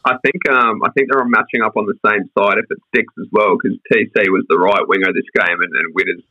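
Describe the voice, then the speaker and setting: A lowish-pitched Australian man co-hosts a sports chat. He is slangy and matey as he rattles through player stats. The sound is close and dry, a little dull and lo-fi. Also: fairly even intonation, fast, dry recording. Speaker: rugby league podcast host. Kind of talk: casual sports discussion with stat rundowns.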